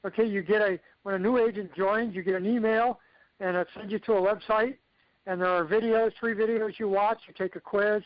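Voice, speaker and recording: A man with a high, steady voice talks briskly as a success coach, running an instructive motivational training session for his team on a conference call and frequently checking in with "okay." The audio is dull, lo-fi conference-call sound with no echo.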